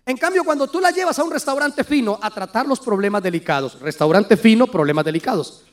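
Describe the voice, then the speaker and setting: A middle-aged male pastor preaching a sermon, emphatic and lively, quizzing his congregation with call-and-response questions and acting out little everyday scenes. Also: very high voice, quick pace. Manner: acts out little everyday dialogues, occasional shouted emphasis.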